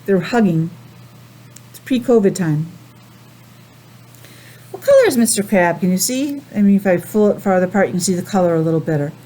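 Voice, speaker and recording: This woman teacher has a medium-pitched voice and a brisk delivery broken by long pauses as she reads a picture book aloud to small children. She's animated, adding chatty remarks and asking them simple questions, all on a low-quality recording.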